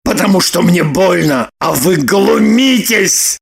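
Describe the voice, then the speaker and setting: A woman voicing a heartbroken, furious man in an audiobook, shouting and wailing in long, drawn-out outbursts. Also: mid-range voice, expressive. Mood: aggrieved. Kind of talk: audiobook character voice.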